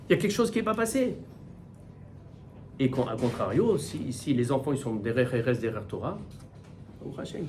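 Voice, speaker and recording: Middle-aged male rabbi, Torah class; animated, repeats himself, rhetorical questions, slightly raised pitch. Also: a little hiss or hum. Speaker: rabbi teaching the weekly portion. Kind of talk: Torah class, spoken teaching.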